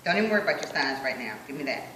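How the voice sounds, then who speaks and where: A woman instructor coaching a group rehearsal, encouraging them and slowly repeating phrases as she demonstrates. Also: rumbling low, expressive, reverberant, distant mic, background noise. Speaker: sign language dance instructor.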